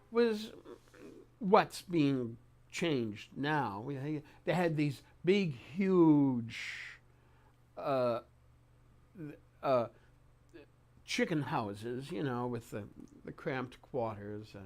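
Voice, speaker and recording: Slow, halting older man, higher-pitched voice. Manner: halting, with repeated words and mid-sentence pauses. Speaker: interviewee recounting memories. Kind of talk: oral-history reminiscence.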